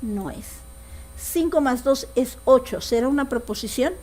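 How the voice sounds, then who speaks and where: A woman's voice: high-pitched, a little slow, a little mellow. A woman teaching a secondary school logic lesson, often checking that the class follows. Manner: asks the class frequent check questions.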